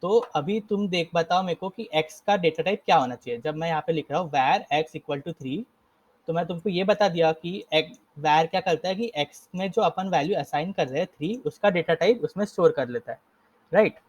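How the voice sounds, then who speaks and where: A man's voice: fairly high pitch, moderate pace. A young man casually teaching a live coding lesson, explaining step by step and often correcting himself. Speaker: coding instructor.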